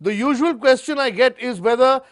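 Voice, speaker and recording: A man playing a pompous, self-important celebrity author in a comedy sketch mock interview, speaking in a deliberate, self-promoting way. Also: very high voice, a little hiss or hum.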